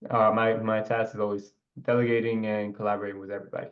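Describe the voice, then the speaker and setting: A young man from Ecuador talks as a guest over a video call. His voice sits low and stays fairly level, with easy, meandering phrasing full of fillers. The audio comes through muffled and lo-fi. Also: fast talker. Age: 20s. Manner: relaxed, rambling, with filler and restarts. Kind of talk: casual interview.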